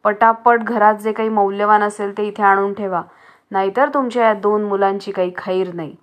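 A woman's voice: medium pitch, fairly even intonation, moderate pace, close to an everyday voice. A woman voicing a bold male thief who poses as a plumber and talks in a bossy, threatening way. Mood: menacing.

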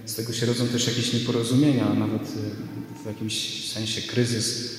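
A Polish man giving a measured, reflective sermon-like talk, recorded in a church with cathedral-like echo. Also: on the low side, flat delivery, a little hiss or hum. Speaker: religious podcast host and preacher. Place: inside a church. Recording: reverberant church echo, farther from the mic.

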